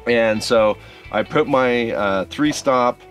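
A man in his thirties chatting casually outdoors by a lake, relaxed and rambling with plenty of fillers, recorded on a camera mic. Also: mid-range voice, takes it slowly, soft background music. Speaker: outdoor photography vlogger. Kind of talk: casual on-location vlog talk.

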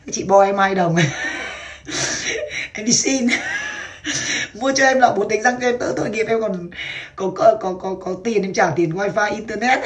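A woman's voice: mid-range voice, a little slow, pauses often. A woman from Vietnam in her thirties, chatting brashly and crudely on a casual livestream and laughing often. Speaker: livestream seller.

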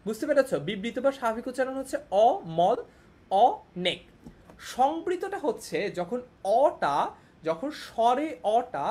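A young woman gives an online lesson in a slightly high voice. She teaches patiently, repeating each point and often checking that her students understand. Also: darkish tone. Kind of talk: online class lecture.

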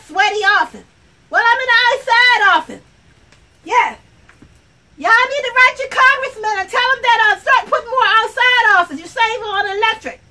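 In an outdoor comedic sketch, a woman portrays a brash, talkative 82-year-old, rambling through a monologue aimed directly at viewers. The older character's voice is extremely high and sharp, pushed upward.

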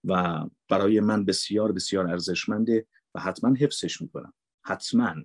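A deep-voiced man, recorded dry, answers interview questions in an earnest, emphatic manner, repeating himself for stress. He is a voice actor and dubber from Mashhad, Iran, speaking with a Mashhadi Persian accent.

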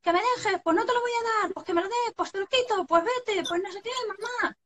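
A whiny little child squabbling with siblings, as a woman acts it out. The voice is pitched far up and sounds shouty and petulant. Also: a little fast.

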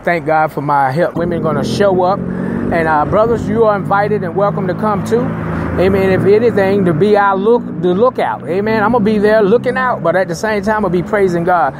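A middle-aged Southern pastor with a fairly high voice hosts his radio talk show, rambling loosely from one thought to the next and dropping in amens. Faint noise sits under the recording. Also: fairly quick. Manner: loose, rambling, with many restarts and church interjections. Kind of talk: casual talk radio monologue.

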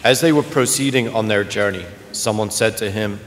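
A man's voice: fairly low pitch, normal speed. A man serving as clergyman, reading the gospel and preaching a homily in a large church, his voice carrying a long cathedral-like echo. He speaks earnestly, searching for words and often restarting. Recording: long church reverb, faint room noise.

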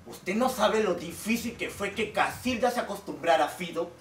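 A man's voice: sits high, expressive, moderate pace. An echoey, distant stage recording with faint noise carries a man acting a fussy, earnest pet owner in a comic play. He is exclamatory and solemn, doting on his odd animal. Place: small theatre stage indoors. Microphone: distant camera.

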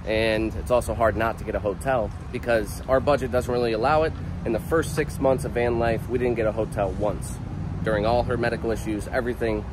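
Travel vlogger, man, 30s, relaxed storytelling, phone at arm's length, city traffic noise behind. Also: mid-range voice, brisk. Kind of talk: casual vlog narration. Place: outdoors in a city park and parking lot. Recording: noisy outdoor street recording. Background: traffic and city ambience.

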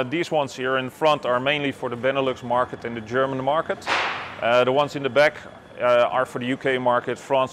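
A middle-aged Dutch executive from the Netherlands, a native Dutch speaker with a Dutch accent, leads a factory tour that moves from a warehouse to a glass-walled office. He answers questions with many fillers and restarts. His mid-range voice has a fairly bright tone, with slight background noise.

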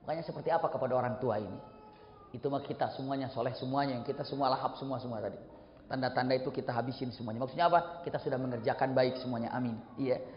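A male preacher, giving an animated sermon full of rhetorical questions and acted-out scenes. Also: mid-range voice, very fast, a little hiss or hum. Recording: echoey hall, dull lo-fi sound.

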